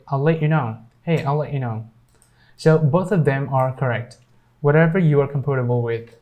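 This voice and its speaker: A man teaching English pronunciation in a casual screen-share lesson, with a mid-pitched voice. He hesitates often with ums and uhs. He says each example sentence twice, slowly, for the learner. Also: darkish tone.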